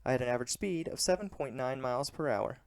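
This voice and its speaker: A man narrating a vlog recap as a vlogger, in a plain, measured and earnest way. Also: medium pitch, expressive, no room sound. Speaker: running vlogger.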